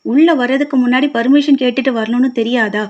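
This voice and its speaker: A woman voicing a short-tempered, scornful husband who shouts sharp insults. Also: on the high side, fairly quick, natural voice. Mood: angry scolding. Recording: dull lo-fi recording.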